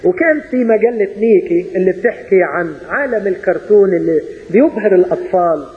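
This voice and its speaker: A man preaching a sermon with an Egyptian accent, asking his listeners rhetorical questions and swinging from loud exclamations to hushed, drawn-out words. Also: high voice, lively intonation. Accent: Egyptian Arabic. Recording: muffled sound in a reverberant hall.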